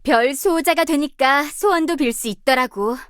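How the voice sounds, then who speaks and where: In a dry, studio-quality recording, a voice actress delivers game lines for a self-assured young female star guardian warrior at the head of her team. Her high-pitched, slightly bright voice keeps a moderate pace, and the bold, commanding quips carry a determined mood.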